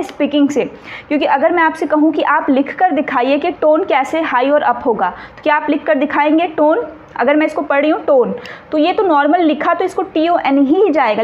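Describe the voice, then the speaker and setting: A female teacher with a high-sitting, slightly mellow voice delivers an exam-prep lecture, explaining things step by step and frequently checking that her students are following. The recording sounds a bit dull, with faint room ambience in the background.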